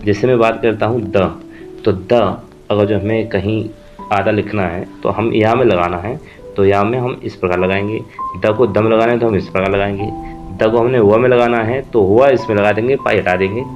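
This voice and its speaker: A man's voice: on the low side, fairly even intonation, moderate pace, darkish tone. A man teaching a Hindi spelling lesson, explaining rules step by step and spelling out letters while he writes examples. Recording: dull lo-fi audio with faint music.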